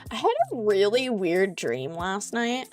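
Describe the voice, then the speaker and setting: A young woman livestreamer talks casually with her chat at an unhurried pace. She rambles and pokes fun at herself, filling pauses with "um" and "like." Soft music plays faintly in the background. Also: medium pitch, lively intonation. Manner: rambling and self-deprecating, many "um" and "like" fillers.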